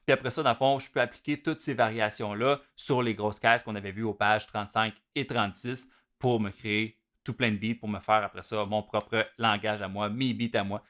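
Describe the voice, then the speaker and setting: A man's voice: fairly low pitch, fairly even intonation, moderate pace, a bit bright. A man with a Québécois French accent, a drum teacher explaining rhythms step by step and counting the beats aloud. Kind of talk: instructional video explanation.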